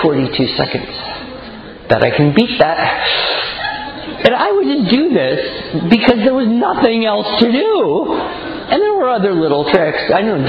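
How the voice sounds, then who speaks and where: A man who teaches children gives a talk to an audience, telling stories and acting out little voices as he goes. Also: high-pitched. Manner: animated, storytelling with acted-out voices. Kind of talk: lecture to an audience. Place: large room with audience. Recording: echoey hall, dull lo-fi sound.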